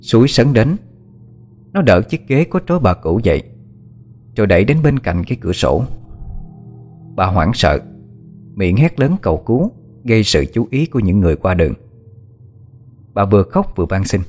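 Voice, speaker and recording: A man narrating a dramatic horror story in a measured, expressive storytelling manner. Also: on the low side. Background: faint music.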